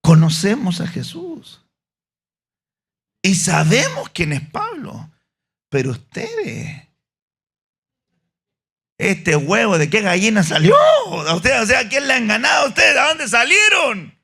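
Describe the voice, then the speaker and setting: A man with a Chilean accent voicing mocking demons who shout scornful taunts at would-be exorcists. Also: very high-pitched, huge pitch swings, slow, vocal fry, pauses often, slightly rough, voice pushed up, heavily acted. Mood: taunting.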